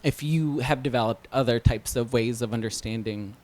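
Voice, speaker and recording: A man from Detroit asking a long question from the audience at a book reading, with many pauses and ums. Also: mid-range voice, a little mellow, slight background noise. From Detroit, United States. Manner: hesitant, many ums and uhs.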